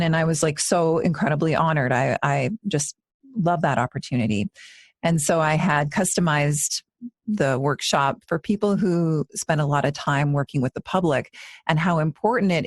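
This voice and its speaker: Deep-voiced and recorded with studio quality and no room sound, a woman in her forties chats on the podcast she co-hosts. She teaches yoga, and her conversation is earnest and thoughtful, often starting sentences over.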